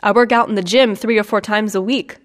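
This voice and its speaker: A woman presenting a language lesson and reading dialogue lines in a brisk, clear delivery. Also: mid-range voice, fairly even intonation. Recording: reverberant room.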